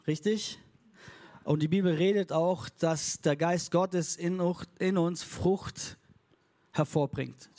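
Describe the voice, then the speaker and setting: A man delivers a sermon to his congregation in a church hall. His voice sits fairly high for a man. His delivery is casual and upbeat, with English phrases slipped in, and he leads the room in call and response. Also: darkish tone. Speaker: pastor.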